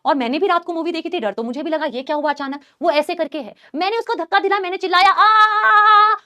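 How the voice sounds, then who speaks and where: A woman teacher telling a story to her students in a live class, animated and acting out the scenes. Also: high-pitched, fast, dull audio. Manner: animated, acts out scenes and shrieks.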